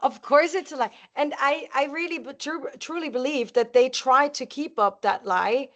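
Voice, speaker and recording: A woman's voice: high voice, moderate pace. A woman talking casually about true crime, hesitant and repeating phrases for emphasis.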